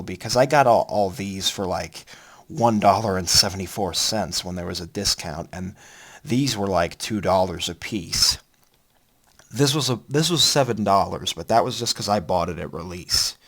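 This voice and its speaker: A man giving an unscripted video game review from his computer. He rambles, restarts often and yawns now and then. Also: fairly low pitch. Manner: rambling, many ums and restarts; yawning, sleepy. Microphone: computer mic.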